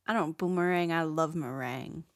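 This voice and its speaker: A woman's voice: sits low, a little fast. A woman co-hosting a comedy podcast in casual, joking conversation. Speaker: podcast co-host. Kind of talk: comic casual banter.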